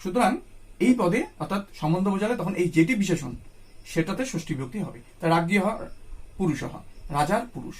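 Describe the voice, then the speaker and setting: A man's voice: high-pitched, expressive, normal speed. A man with a Bengali accent teaching a grammar lesson, who repeats each point patiently and asks questions before answering them himself. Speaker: Sanskrit teacher.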